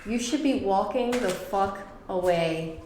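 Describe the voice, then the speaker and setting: A woman's voice: mid-range voice, unhurried, a little mellow, a little hiss or hum. Middle-aged woman doing a tarot reading, swears a lot, repeats herself for punch, kinda echoey room. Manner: blunt and profane, emphatic repetitions. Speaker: tarot reader.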